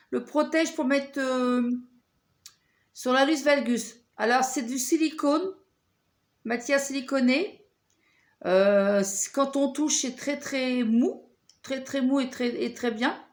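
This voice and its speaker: A woman with a French accent, talking casually and hesitantly to camera as she shows off her shopping haul, with many fillers and restarts. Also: sits high. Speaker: vlogger showing a shopping haul.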